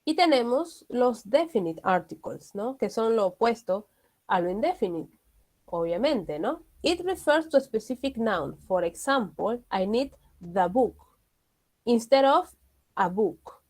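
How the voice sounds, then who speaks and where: Woman, English teacher, patient explanations, frequent tag questions, slightly high voice. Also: big pitch swings, a little slow, darkish tone. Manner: explanatory, often checks understanding with tag questions. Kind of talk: online grammar lesson.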